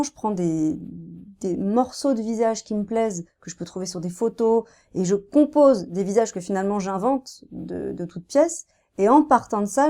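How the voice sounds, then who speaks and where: A woman in her thirties, a painter, talking casually in an interview, soft-spoken and hesitant with many fillers and restarts. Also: mid-range voice. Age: 30s.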